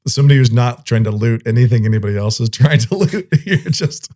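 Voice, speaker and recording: A man's voice: mid-range voice, lively intonation, fast, a little mellow. A man co-hosting a podcast in casual chat, rambling and laughing often. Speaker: podcast co-host.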